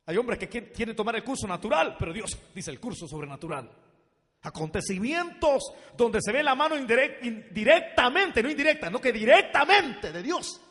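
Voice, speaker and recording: High, lively-voiced preacher in a big hall. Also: male voice. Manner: animated preaching, swings from low asides to loud shouts; addresses the congregation directly as brother and daughter. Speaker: pastor. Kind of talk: sermon. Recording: long hall reverb.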